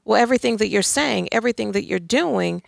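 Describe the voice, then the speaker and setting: A woman talks with emphatic, pointed conviction, pressing her points through rhetorical questions. Her voice is strongly gravelly and full of fry. The sound is close and dry, with no room around it. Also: mid-range voice, lively intonation, fast, no room sound. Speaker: guest speaker. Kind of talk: conversational talk on faith and society.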